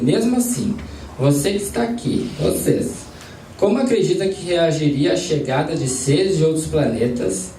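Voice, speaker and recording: A man leading a spiritist study group gives an informal lesson in a study centre meeting room, speaking conversationally and posing questions to the audience. His voice is mellow and a little high. The recording is roomy and captured from a distant mic, with faint background noise.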